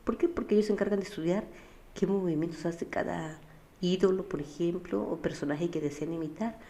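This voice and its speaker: A woman teaches a physics lesson in a low, mellow voice. She explains each step patiently and keeps checking in with her students. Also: fairly quick. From Mexico.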